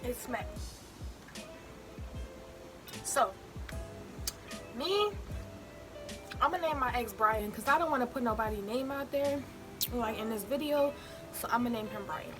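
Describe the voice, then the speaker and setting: A young woman with a fairly high voice chats to her viewers like a vlogger. Her storytelling is casual, slangy and emphatic. Music plays behind her voice. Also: moderate pace, long pauses. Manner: animated, informal slangy delivery with emphatic repetition. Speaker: vlogger hosting a mukbang storytime. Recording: music in the background. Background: background music.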